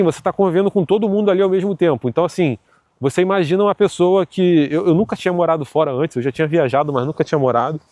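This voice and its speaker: This vlogger's voice sits on the high side, recorded with no room sound, and his Carioca accent places him in Rio de Janeiro, Brazil. His casual monologue is relaxed and chatty, full of fillers and tag questions.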